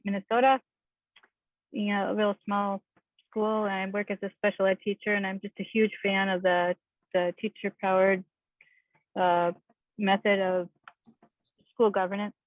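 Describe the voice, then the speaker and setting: Eager teacher on a tinny call line. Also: female voice, medium pitch, no echo. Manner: eager, repeating words. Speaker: special education teacher. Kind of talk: self-introduction on a video call. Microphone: video call. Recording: tinny dry phone-like audio.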